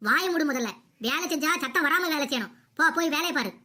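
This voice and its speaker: A woman's voice: sits high, expressive, quick pace. A woman voicing a bossy, scolding mother-in-law in a cartoon comedy. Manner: nagging, scolding, sharp-tongued.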